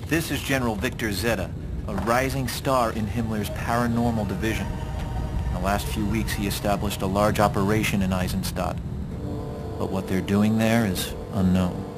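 An actor playing an older mission chief giving a measured briefing in a video game cutscene. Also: male voice, lowish voice, steady tone, over music, lightly acted, rough recording.

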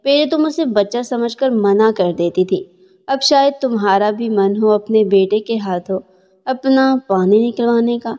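A gruff, accusing middle-aged husband, stern and suspicious, as a woman narrator puts him on. The voice sits fairly high and soft-toned, and the muffled lo-fi recording carries a long reverb tail. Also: close to an everyday voice.

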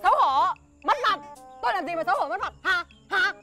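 A woman playing a quick-tempered village wife who argues sharply in a comedy film. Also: very high-pitched, animated, sharp tone, soft background music, exaggerated voice. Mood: indignant. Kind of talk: comic film acting.

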